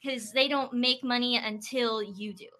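A woman's voice: a little high, steady tone, a little slow, a crowd in the background. A woman chatting casually as an interview guest who teaches. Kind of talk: casual chat.

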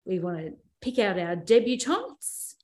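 A woman with an Australian accent hosting a sports podcast, brisk and steering the talk with questions. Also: medium pitch, sing-song, darkish tone. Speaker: podcast host.

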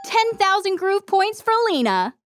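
A woman's voice: extremely high pitch, very animated, unhurried, a bit bright, faint music behind, exaggerated voice. A woman playing a capricious, showy girl who hosts a groovy game show in an audio comedy sketch. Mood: showy, upbeat. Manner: showy, exclamatory.

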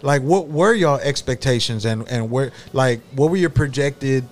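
A man's voice: medium pitch, normal speed. A man hosting a casual interview, talking in a slangy, sweary frat-bro way. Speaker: podcast host interviewing a restaurant owner. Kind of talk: casual chat.

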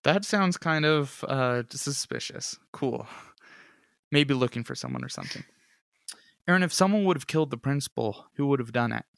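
Smooth-voiced man playing the detective. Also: mid-range voice, expressive, normal speed, a bit bright, no echo, clean studio sound. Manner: wry, playful, stammering. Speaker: player as detective. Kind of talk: casual tabletop role-play.

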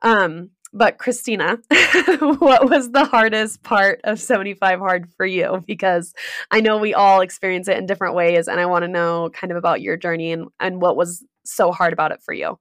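A woman's voice: lowish voice, steady tone, moderate pace, dry recording, studio quality. A woman co-hosting a podcast, telling a heartfelt personal story in a casual, emotional way. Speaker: podcast co-host.

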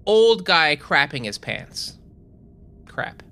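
A man tosses off dry, wisecracking asides while co-hosting a laid-back podcast. His voice is bright, and his pitch moves around a lot. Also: big pitch swings, slow pace. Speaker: podcast co-host. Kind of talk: casual chat.

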